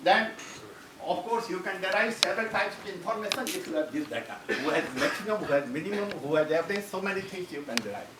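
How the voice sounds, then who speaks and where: This male guest lecturer has a high voice, lively intonation, and a quick pace as he rambles and restarts phrases in a university lecture. Captured from afar in the lecture hall, the audio is roomy with noticeable background noise.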